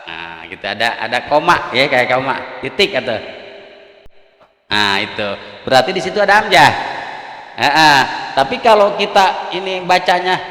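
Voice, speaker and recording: A man with an Indonesian accent leads a Quran recitation lesson, breaking each syllable apart slowly and chanting the examples. His voice is bright and carries, with a long echo from the hall around him. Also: fairly high pitch, lively intonation. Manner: slow, patient, sounds out syllables one by one and chants examples. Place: religious gathering hall. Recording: echoey hall.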